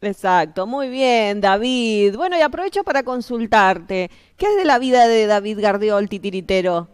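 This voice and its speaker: A woman's voice: mid-range voice, animated, moderate pace, clean tone. A TV host, a woman, asking her guest encouraging questions.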